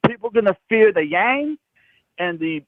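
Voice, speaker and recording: A man's voice: sits high, lively intonation, unhurried, dry recording. A man from Florida calling in to a sports talk show over the phone, joking and rambling through his points. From Crestview, Florida, US. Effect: heard over a phone line. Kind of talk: casual phone-in chat. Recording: tinny phone line, dry.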